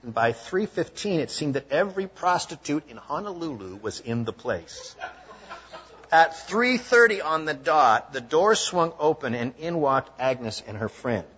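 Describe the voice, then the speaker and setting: A male preacher spinning a story during a sermon, earnest and vivid. His voice has a husky grain. The recording sounds muffled and lo-fi. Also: fairly high pitch, very animated, measured pace, a bit bright. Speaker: pastor. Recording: dull lo-fi recording.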